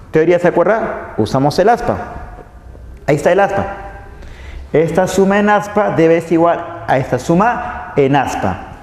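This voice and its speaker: A man's voice: on the high side, darkish tone. Male math teacher, patient and repetitive, quizzing the class; roomy classroom echo. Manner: patient, repeats key phrases, asks students questions. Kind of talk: recorded math lesson. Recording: echoey room with long reverb.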